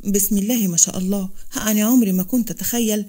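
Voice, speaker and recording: A commanding Upper Egyptian man, blunt and possessive, talking quickly with a soft, mellow tone, as a woman narrator voices him. He comes from a storybook reading and sounds like someone used to getting his way. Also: mid-range voice, steady tone, lightly acted. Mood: affectionate.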